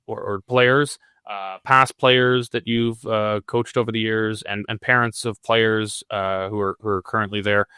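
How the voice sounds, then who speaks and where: A man's voice: mid-range voice, a bit bright, clear, resonant tone, no room sound, clean studio sound. A man conducting a news interview, hesitant, with many fillers and restarts.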